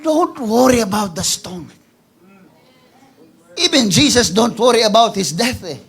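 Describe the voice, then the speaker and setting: A pastor with a Filipino accent, preaching to a church congregation. He swings between hushed pleading and loud, shouted exclamations, and jokes playfully with the people. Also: high-pitched, expressive, measured pace, vocal fry, slightly rough. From Philippines. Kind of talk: energetic preaching sermon.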